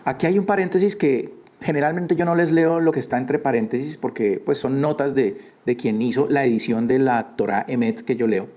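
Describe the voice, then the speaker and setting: Guy from teaching a bible study, warm mellow voice, kinda dull lo-fi sound, repeats himself and keeps asking "ya?". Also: mid-range voice, normal speed, few pauses. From Colombia. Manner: conversational, repeats words, asks listeners rhetorical questions. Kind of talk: informal Torah portion teaching.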